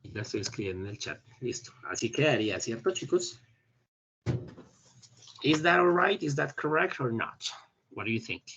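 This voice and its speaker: A man teaching an English class over a video call, explaining in Spanish and slowly modeling English phrases. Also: mid-range voice, lively intonation, fairly bright tone, slight background noise. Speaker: English instructor. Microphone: computer mic on a video call. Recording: dull lo-fi meeting recording.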